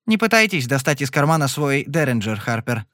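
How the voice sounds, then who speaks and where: A man voicing a cool, sarcastic young male cardsharp in a Western audiobook, smooth-talking and mocking. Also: medium pitch, sing-song, brisk, a bit bright, no room sound, studio quality.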